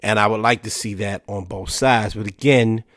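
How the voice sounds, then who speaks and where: On his podcast, a man with a lowish, fairly bright voice speaks at normal speed in a steady tone. Allergies make him a touch nasal and stuffy as he delivers casual solo commentary, leaning on "you know" and restarting sentences. The studio recording is dry and clean.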